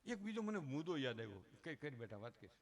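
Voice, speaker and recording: Speaking fast in a mid-range voice with big pitch swings, a middle-aged Kathiawadi Gujarati-accented man delivers a rustic, joking folk talk at a religious gathering. He imitates villagers for laughs, then turns earnest.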